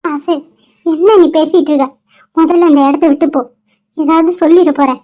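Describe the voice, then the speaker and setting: A woman's voice: high-pitched, steady tone, moderate pace, warm tone, lightly acted. A woman voicing a troubled young woman in a dubbed cartoon, who is facing an unwanted marriage and speaks in a flustered, pleading way. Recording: dull lo-fi recording.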